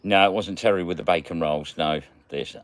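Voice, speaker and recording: A man's voice: deep voice, fairly even intonation, moderate pace, no room sound. A man hosting a casual livestream, chatting and greeting viewers by name as he reads their comments. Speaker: magnet fishing livestream host.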